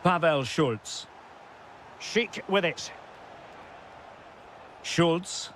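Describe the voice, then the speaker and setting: Male play-by-play caller, high and bright tone, punchy name calls. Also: expressive, very slow, slight background noise. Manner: calls player names, rises sharply on goals and chances. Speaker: play-by-play football commentator. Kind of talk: video game match commentary.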